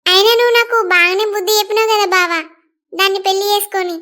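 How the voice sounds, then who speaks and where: Woman doing a jealous telangana village girl, slow menacing threats, high bright cartoon voice. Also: fairly even intonation. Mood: sulking. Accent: Telangana Telugu. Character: jealous young village woman, bullying rival. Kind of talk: cartoon voice acting.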